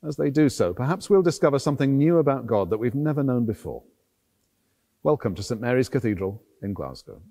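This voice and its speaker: Long reverb fills the large stone cathedral where a middle-aged priest celebrates, delivering a formal liturgical address. His medium-pitched voice is dark in tone, sing-song and fairly quick.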